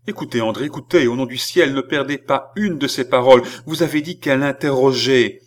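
A man voicing a commanding male mesmerist who gives slow, insistent orders in an audiobook reading. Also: medium pitch, lightly acted.

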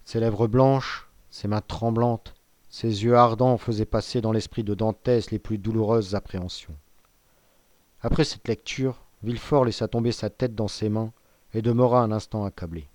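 A man narrating a classic novel in a measured, composed way. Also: fairly low pitch, fairly even intonation, a little mellow, no room sound. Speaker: audiobook reader. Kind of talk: scripted literary narration.

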